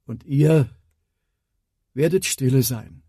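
A man voicing Moses as a steady, solemn leader, speaking slowly and emphatically. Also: medium pitch, breathy edge, dry recording, studio quality, voice pushed up. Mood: solemn, reassuring.

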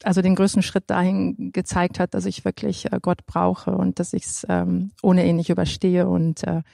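A woman's voice: on the low side, completely flat delivery, moderate pace, vocal fry, mellow, no echo, clean studio sound. A woman in her forties sharing a personal testimony on a panel, hesitant and full of fillers. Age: 40s. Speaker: panel guest.

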